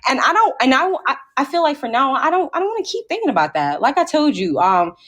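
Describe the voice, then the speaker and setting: A woman's voice: sits high, very animated, fast, a bit bright. A woman co-hosting a podcast, talking candidly in a loose, rambling way with restarts and cursing. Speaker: podcast co-host. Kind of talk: casual chat.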